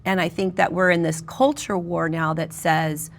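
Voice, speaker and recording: Woman on a panel, super gravelly fry, lowish, earnest and firm. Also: flat delivery, moderate pace. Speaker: panel guest. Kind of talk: panel discussion.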